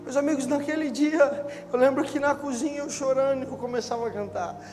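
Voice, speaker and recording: A young man with a Brazilian Portuguese accent preaches a sermon in a high, light voice. He shifts between loud exhortation and a quiet, intimate storytelling tone. The sound carries the long reverb of a church hall, with soft music playing underneath. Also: brisk. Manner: preaches loudly at first, then tells a story in a quiet, intimate voice. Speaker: pastor.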